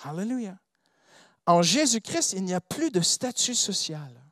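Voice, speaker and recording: A man's voice: high-pitched, a little slow, dry recording, clean studio sound. A man preaching a sermon in French with a non-native accent, often asking the congregation questions. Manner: animated, asks the congregation rhetorical questions.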